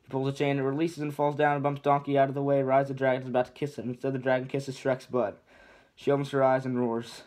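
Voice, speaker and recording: A man's voice: medium pitch, monotone, quick pace, a little mellow. A man casually reading a film script aloud, often stumbling and restarting words. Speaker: script reader. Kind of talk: casual read-aloud narration.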